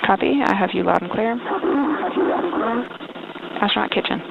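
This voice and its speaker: A woman gives crisp, procedural launch callouts over a headset radio intercom. Her voice has a gravelly edge. The tinny link is buried in loud static. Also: mid-range voice, steady tone, moderate pace. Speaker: capsule communicator. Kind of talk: launch radio comms check.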